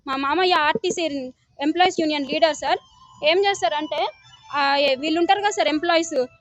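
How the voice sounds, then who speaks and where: A woman's voice: high voice, brisk, no echo, soft background music. A young woman gives an urgent, pleading account to a news reporter, often calling him sir. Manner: urgent, pleading, repeatedly addressing the listener as sir. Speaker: complainant interviewed by news reporter. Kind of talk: emotional testimony to a reporter.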